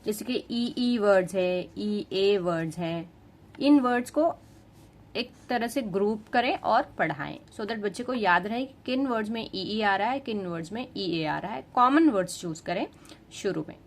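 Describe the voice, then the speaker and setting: A woman's voice: medium pitch, lively intonation. A woman hosting a parenting channel, patiently explaining spelling lessons in a mix of Hindi and English. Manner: slow, patient teacherly explaining.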